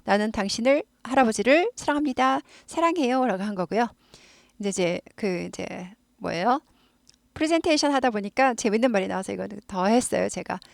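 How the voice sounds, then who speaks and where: A woman from South Korea, talking through an English lesson in a chatty way and repeating words slowly to model pronunciation. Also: a little high, lively intonation, gravelly, no room sound. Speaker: English teacher. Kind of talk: casual explanatory lesson.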